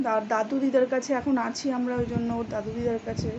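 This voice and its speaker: Worried young mother, high quick voice. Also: flat delivery, dull audio, noisy background. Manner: worried, pleading with a sick child. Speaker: mother and vlogger. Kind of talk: emotional vlog talk.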